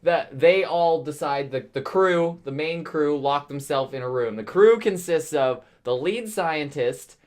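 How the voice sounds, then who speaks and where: A man co-hosting a podcast, excitably recapping a movie plot in casual, profane, rambling talk. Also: on the high side, unhurried, hardly any pauses. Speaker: podcast co-host.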